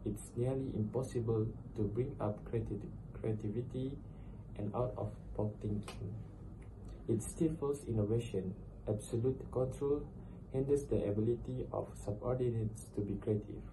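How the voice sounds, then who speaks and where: A man's voice: mid-range voice, moderate pace. Distant-sounding young man presenting, noisy recording. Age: young adult. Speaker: student presenter. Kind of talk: scripted slide presentation. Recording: distant mic with clear noise.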